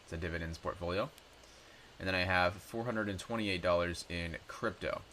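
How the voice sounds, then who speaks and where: Low and raspy from a cold but still bright and forward, this twenty-something man's voice moves at a moderate pace. He's a personal finance YouTuber loosely talking through his numbers in a casual screen-share, full of ums and self-corrections. There's a faint hiss beneath it all.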